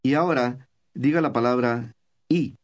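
A man of middle pitch leads a recorded language lesson. He reads scripted prompts calmly and evenly, explaining pronunciation and telling the learner what to say next. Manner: calm, measured prompts to the listener. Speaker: course instructor.

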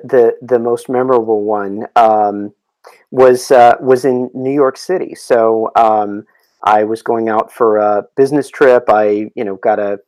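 A man who is a guest on a podcast, telling travel stories in a halting way with many restarts. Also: fairly low pitch, darkish tone, no echo, poor audio. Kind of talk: casual podcast interview.

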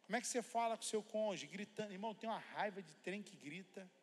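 A man's voice: high voice, expressive, quick pace, breathy edge. Pastor guy preaching, talks to the congregation, echoey church hall. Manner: emphatic preaching, rising loud on scripture; chatty storytelling with asides to the congregation. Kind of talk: sermon. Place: church service.

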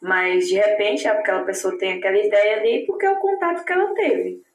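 A woman's voice: medium pitch, brisk, reverberant, rough recording. A woman from northern Brazil, chatting casually as an interviewee about life abroad, often adding "né?" to her sentences. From Tocantins, northern Brazil. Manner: chatty, many "né?" tags. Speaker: interviewee living in Germany.

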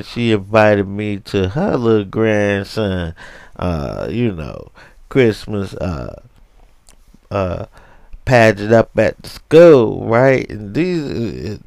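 A man voicing a tipsy, older uncle who rambles in slangy, drawn-out stories on a podcast. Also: lowish voice, gravelly, darkish tone, no room sound, exaggerated voice. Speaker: comic character on a podcast.

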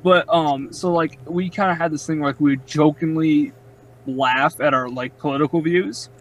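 A man's voice: on the high side, steady tone, normal speed, low-quality recording. A young man co-hosting a podcast, talking casually and rambling with lots of filler words. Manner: rambling, heavy use of "like". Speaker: podcast co-host. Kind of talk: casual chat.

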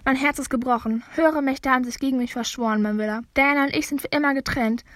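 A tearful young orphan girl with a flair for drama, as a woman reads her aloud, lamenting plaintively in a storybook reading. The voice sits fairly high and sounds close and dry, with no room around it. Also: fairly even intonation, fast talker, no room sound, natural voice.

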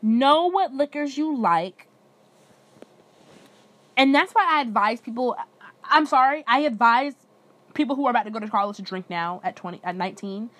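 A woman's voice: a little high, lively intonation, normal speed, pauses often, a bit bright, dry recording. A woman, talking loose and slangy with plenty of cursing, calling her listeners y'all. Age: 20s. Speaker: podcast host. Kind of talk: casual solo podcast chat.

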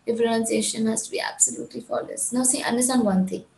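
Teaching an IELTS speaking lesson, a woman from India with a Gujarati English accent is firm and direct and goes over key points again and again. Her voice is high, fast, gravelly and darkish, captured in an echoey room with poor audio quality.

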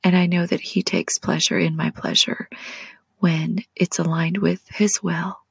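Woman, 40s, low gravelly whisper, gentle devotional ASMR-style guide. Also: sing-song, no room sound. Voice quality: breathy whisper. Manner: slow, soft and prayerful, speaks directly to the listener.

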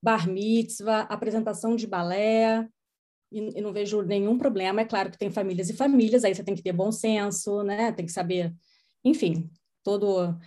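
In a mid-range voice at moderate speed, a middle-aged woman tells podcast listeners about cases from her work as a child psychologist. She brings the stories to life by quoting and acting out the people involved.

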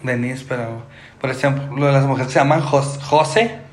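A man's voice: medium pitch, steady tone, moderate pace, reverberant. A man with a Mexican Spanish accent co-hosting a podcast, bantering in casual chat, tossing out names and asking follow-up questions. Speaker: podcast co-host.

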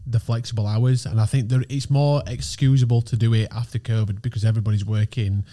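A man's voice: medium pitch, level tone, fast talker, warm tone. A man in his thirties, an agency founder, talking as a podcast guest in a chatty, rambling way. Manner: chatty, rambling, lots of "like" and restarts. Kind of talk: casual podcast chat.

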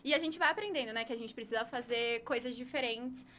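A woman's voice: a little high, fast, pushed and bright, a little hiss or hum. A woman, a dancer and podcast guest, answering with jokes and laughter. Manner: joking and laughing. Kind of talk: casual interview chat.

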